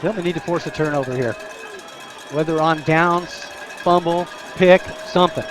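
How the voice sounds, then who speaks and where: At an outdoor high school football stadium, an American man offers casual color commentary for a live radio broadcast. He speaks at a normal pace in a slightly high voice while a loud crowd roars behind him.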